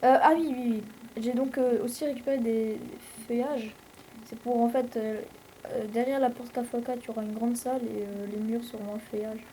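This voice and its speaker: Une jeune femme à l'français commente sa partie de jeu vidéo sur un ton décontracté et bavard, avec beaucoup d'hésitations. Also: female voice, a little high, fairly even intonation, normal speed, dark tone, slight background noise, low-quality recording. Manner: rambling, chatty, many fillers. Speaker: let's play host. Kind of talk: casual gameplay commentary.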